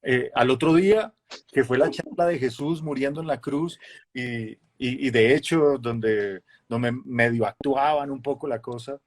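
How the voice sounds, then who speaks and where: A man in his forties, a guest telling his conversion story in a casual chat, lively, acting out the voices of others. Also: mid-range voice, measured pace. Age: 40s. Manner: lively storyteller, acts out voices and shifts loudness a lot. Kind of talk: animated testimony in a casual chat.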